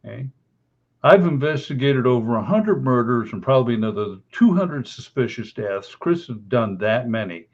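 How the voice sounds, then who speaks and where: A man's voice: mid-range voice, animated, normal speed, darkish tone, highs cut off. An older man, a veteran investigator, giving emphatic, opinionated panel commentary.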